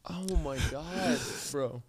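A man hosting a podcast, exasperated and teasing, calling his co-host bro as he tries to get him to calm down. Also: on the high side, slow pace, crowd noise. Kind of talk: casual chat. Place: indoor studio. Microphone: close mic.

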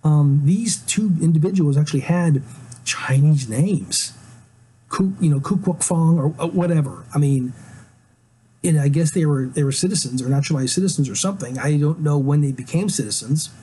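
A man's voice: on the high side, normal speed, warm tone, slightly rough, rough recording. A man hosting a solo commentary show, rambling through opinions with many fillers and restarts and a sarcastic, scoffing tone. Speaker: podcast host.

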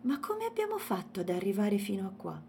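A woman's voice: mid-range voice, huge pitch swings, brisk, vocal fry, dark tone, a little hiss or hum. A woman voicing a curious, wide-eyed little girl in a children's storybook, amazed and full of questions.

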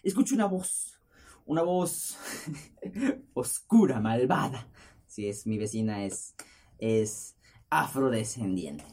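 A young man rambles through stories, mocking himself as he goes, his voice mellow and a little husky and swinging up and down a lot. He talks close to a camera in his bedroom. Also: on the low side, slow, long pauses. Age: young adult. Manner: jokey, self-mocking, lively storytelling with laughs. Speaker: podcast host. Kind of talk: casual rambling monologue. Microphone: camera's built-in mic, close up.

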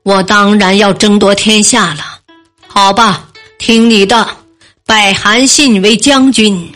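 A woman's voice: medium pitch, steady tone, takes it slowly, a bit bright, faint music behind. A woman voicing a proud, hot-tempered male king who scolds brusquely in a storybook reading.

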